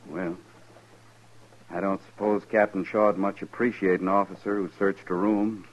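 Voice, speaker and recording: An actor playing a polite, shrewd, laconic army lieutenant in a 1950s radio western. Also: male voice, low-pitched, little pitch movement, moderate pace, natural voice. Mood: knowing. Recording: muffled, noisy old radio recording.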